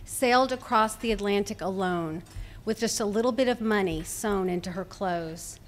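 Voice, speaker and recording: A woman's voice: mid-range voice, fairly bright tone. A woman giving a prepared speech at an awards event, telling a family story earnestly with light, self-deprecating humor. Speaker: keynote speaker at an awards event.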